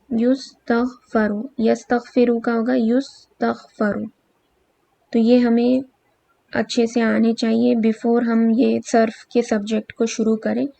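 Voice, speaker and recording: Slow-drilling woman teacher, gravelly voice. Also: a little high, warm tone, no room sound. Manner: patient, drilling verb forms slowly. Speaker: Arabic grammar teacher. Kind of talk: recorded lesson, slow recitation drills. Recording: dull, lo-fi, dry.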